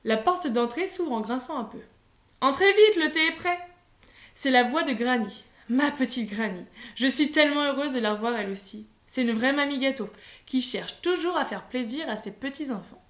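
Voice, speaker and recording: High-voiced woman reading a storybook. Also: expressive, normal speed. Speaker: audiobook reader. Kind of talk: scripted storybook narration. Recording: roomy echo.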